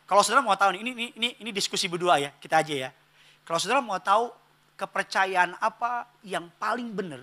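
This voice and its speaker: Bright, high-voiced animated male pastor. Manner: animated and humorous, swinging from loud exclamations to hushed asides; acts out family dialogue in character voices. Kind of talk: sermon. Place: church.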